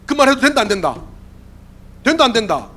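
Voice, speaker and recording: A man in his forties delivers a youth sermon in a hoarse, worn voice that sits high. His delivery is lively and questioning, and he keeps asking the listeners whether they agree. His pitch leaps and dips all over the place. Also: fairly quick. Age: 40s. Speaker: youth pastor. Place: church sanctuary.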